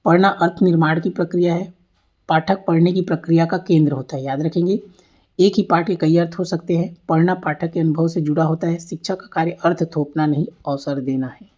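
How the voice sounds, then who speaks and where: A woman's voice: sits low, fairly even intonation, brisk, warm tone. A woman teacher giving an exam-prep lecture over slides, often asking and then answering her own questions and repeating key points.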